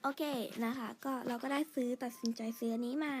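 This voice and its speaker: A woman chatting quietly through her game, pleading for lucky draws and gushing over outfits. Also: fairly high pitch, level tone, fast, slight background noise. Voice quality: quiet, soft-spoken. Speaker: gamer narrating her play. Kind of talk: casual game commentary.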